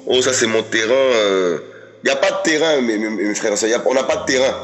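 A man's voice: mid-range voice, fast talker, faint music behind. A man preaching a sermon, emphatic, repeating his phrases and often calling out to his listeners as friends. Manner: addresses audience as "mes amis".

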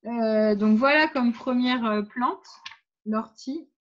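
A woman's voice: a little high, takes it slowly. A woman leading an informal workshop on pregnancy and birth, giving practical advice straight to her listeners with frequent hesitations. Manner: practical, instructive, addresses listeners directly with many hesitations. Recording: dull lo-fi sound.

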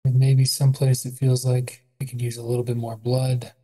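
Leading a body scan, this adult meditation guide has a husky, medium-pitched voice. The delivery is gentle, calm and unhurried, with pauses.

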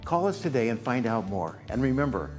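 Lively, salesy man in a TV ad. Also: mid-range voice, fairly quick, over music. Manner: upbeat salesy. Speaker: ad spokesman. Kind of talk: TV commercial pitch.

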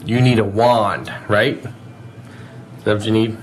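This casual home vlog shows a dad chatting and joking with his kid over dinner, filling gaps hesitantly. He speaks slowly in a lowish, fairly even voice, with room echo and faint background noise in the recording.

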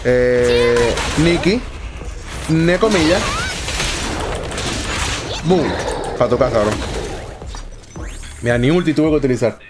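A young man giving excitable let's play commentary, swearing often and talking to himself. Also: medium pitch, slow, pauses often, noisy background. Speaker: gaming YouTuber.

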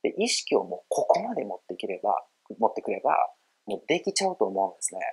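Husky middle-aged man teaching pronunciation. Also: fairly low pitch, big pitch swings, fast, a little mellow, poor audio. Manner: demonstrates English words with exaggerated emphasis; friendly, explanatory, calls himself an old guy. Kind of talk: casual video lesson.

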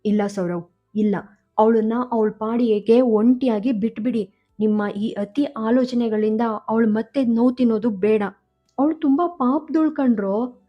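A woman voicing a fiery young woman who scolds and shouts at her friends in an audio story. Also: fairly high pitch, measured pace, highs cut off, soft background music. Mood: pleading.

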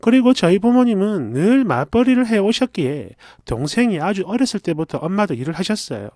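A man reading a first-person story aloud in a chatty, confiding, expressive way. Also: high-pitched, fairly quick, no room sound, studio quality.

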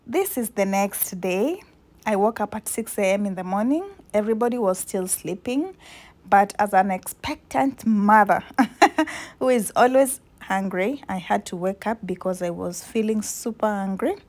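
A woman chatting casually to her viewers in a travel vlog, excited and talkative. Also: mid-range voice, normal speed. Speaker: vlogger. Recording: noisy background hiss.

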